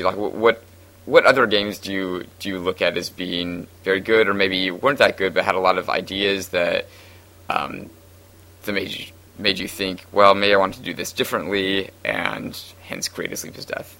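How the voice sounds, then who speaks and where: A man's voice: sits low, flat delivery, moderate pace, pushed and bright, low-quality recording. A man co-hosting a podcast, asking the guest a question with hesitant, rephrasing starts. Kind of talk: casual podcast interview.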